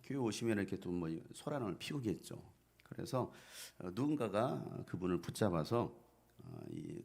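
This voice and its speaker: A man's voice: on the low side, gravelly, dark tone, husky. A male pastor giving a conversational sermon and asking the congregation rhetorical questions.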